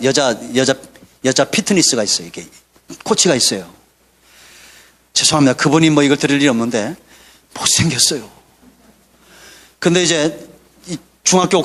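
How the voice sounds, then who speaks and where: A middle-aged man preaching a sermon as pastor, lively and joking with the congregation. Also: on the high side. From Korea.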